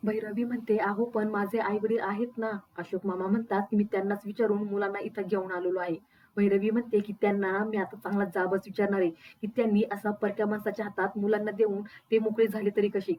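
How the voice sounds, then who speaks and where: A woman narrating a TV serial recap as a steady, scripted reading, voicing the dialogue in her own plain way. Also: mid-range voice, brisk, poor audio.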